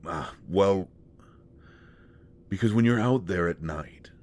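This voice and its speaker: With a deep voice and a soft, wistful mood, a man plays a devoted yet awkward and gentle companion in a one-sided intimate audio drama, speaking in a stammering, halting way.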